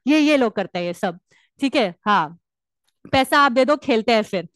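A woman lectures a class in a high, bright voice, teasing and joking as she explains. The sound is dry and close, with no room echo. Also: normal speed. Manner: lively, teasing, mixes Hindi and English. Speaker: teacher.

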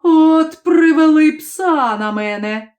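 A woman reading an audiobook, voicing a hot-tempered male nationalist passenger who bursts into indignant shouting. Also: on the high side, slow pace. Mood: ranting.

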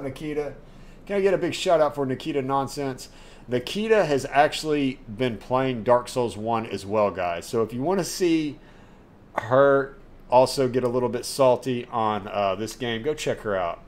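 A man's voice: medium pitch, a little mellow. A man streaming a game live from his desk at home. He talks straight to his chat, gets worked up easily and swears. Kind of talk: live gameplay commentary chatting with viewers.

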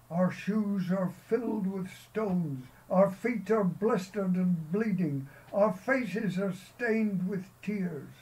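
An older man from Scotland leading a church service, delivering prayers and a short sermon in a solemn, measured way, recorded by a far camera outdoors in a field. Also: high-pitched, dark tone.

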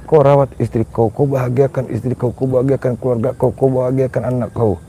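A man with a gravelly, dark voice plays a stern cleric in a staged exorcism drama. He gives firm orders and drifts into slow, melodic prayer chanting. Faint noise sits under the recording. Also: mid-range voice, little pitch movement, low-quality recording. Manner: stern commanding speech, melodic Arabic chanting. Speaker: Islamic cleric performing an exorcism.

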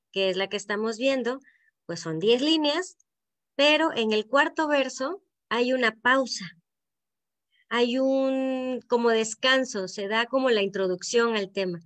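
A woman's voice: a little high, a bit bright. A middle-aged woman from Veracruz with a Veracruz Mexican accent, teaching an online poetry workshop over a video call. She explains step by step and keeps checking in with the group. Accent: Veracruz Mexican Spanish.

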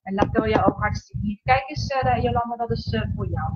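Halting Dutch woman on lo-fi stream. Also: on the high side, heavy background noise. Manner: halting, many fillers and restarts. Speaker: livestream host, coach. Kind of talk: casual live-stream chat. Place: at home. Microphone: laptop. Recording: dull lo-fi laptop audio.

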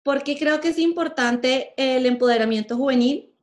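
A Colombian woman in her thirties speaks in a fairly high voice, earnest and measured, pausing often as she gives an online workshop. She is heard through a webcam on a video call from a room at home. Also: a little mellow. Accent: Colombian Spanish. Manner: earnest, measured, with frequent pauses.

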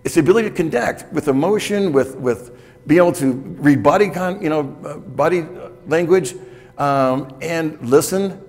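A man's voice: a little high, moderate pace, a little mellow. A man in his sixties giving a candid, conversational keynote talk to a conference audience, often checking in with "okay?", on a lapel mic. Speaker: keynote speaker. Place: hotel conference room with audience. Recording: reverberant conference hall.

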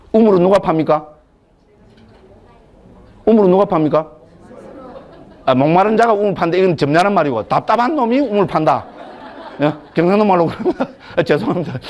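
A man's voice: sits high, darkish tone. A man, a Buddhist monk, lecturing on scripture in a chatty, joking way full of rhetorical questions.

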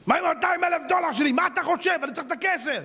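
A man's voice: very high-pitched, creaky, sharp tone, voice pushed up, heavily acted. A man voicing an impatient creditor who insistently demands his money in a raised voice. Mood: demanding.

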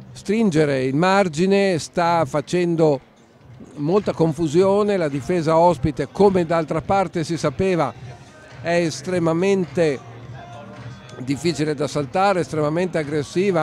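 High-pitched man commentating live basketball. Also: a little mellow. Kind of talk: live sports commentary and analysis. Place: sports hall during a live game.

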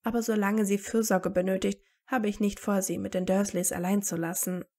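A woman's voice: mid-range voice, little pitch movement, fairly quick, mellow, lightly acted. A woman reading aloud and voicing a tired teenage boy wizard who talks dryly and sarcastically. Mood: wry, tired. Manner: dry and sarcastic.

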